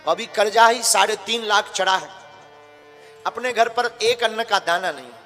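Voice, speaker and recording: A male preacher voicing a poor, loving mother who gently reassures her daughter during a sermon story. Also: sits high, moderate pace. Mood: tender. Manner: tender, reassuring. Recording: long hall reverb, faint music.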